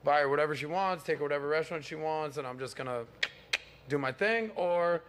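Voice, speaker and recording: A man's voice: on the high side, brisk, a bit bright, slight background noise. A man in his forties on a casual panel debate, laid-back and confident, speaking in slang. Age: 40s. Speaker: podcast panel guest.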